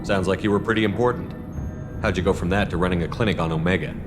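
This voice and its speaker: Man acting Commander Shepard, low, quick-spoken squad leader. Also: close to an everyday voice. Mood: curious. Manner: direct, questioning. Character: challenging, probing male human military squad commander. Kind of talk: video game character dialogue. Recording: game audio with background music.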